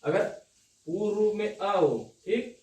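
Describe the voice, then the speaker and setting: High-voiced male teacher in an echoey classroom. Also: takes it slowly, a little mellow. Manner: checks understanding with repeated "theek hai na?". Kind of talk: classroom lecture on Hindi grammar. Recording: echoey room, distant mic.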